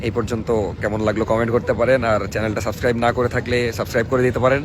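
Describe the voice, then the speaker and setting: A young man with a Bangladeshi accent and a hoarse voice, chatting casually as a vlogger. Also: mid-range voice, little pitch movement, racing, noisy background. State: hoarse voice from a cold night out. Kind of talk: casual vlog narration and chat. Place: mostly outdoors at night and early morning.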